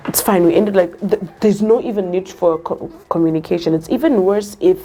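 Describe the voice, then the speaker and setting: A woman's voice: medium pitch, brisk, mellow, dull audio, a little hiss or hum. A young South African woman with a Zulu-tinged accent, talking earnestly in a casual chat and switching between English and Zulu. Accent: South African, Zulu-speaking.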